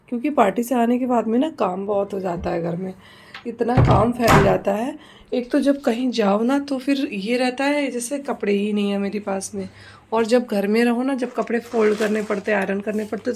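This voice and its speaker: A mother in her thirties talks straight to her viewers in a relaxed home vlog. Her voice sits mid-pitch with a slightly gravelly edge, recorded on a phone inside her home with a faint hum of household noise behind her. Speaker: vlogger, homemaker and mother. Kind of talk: casual home vlog chat. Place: at home, indoors.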